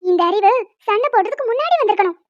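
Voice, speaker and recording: A woman's voice: extremely high pitch, expressive, fast, no room sound. A woman voicing a sensible young female college student in a cartoon, bossy and exasperated. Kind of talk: cartoon voice acting. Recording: dull lo-fi dry sound.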